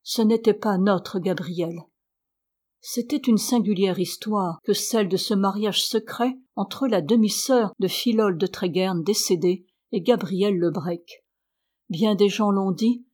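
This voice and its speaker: A woman narrating a nineteenth-century novel as an audiobook reader, in a measured literary reading. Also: medium pitch, darkish tone. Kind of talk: scripted narration.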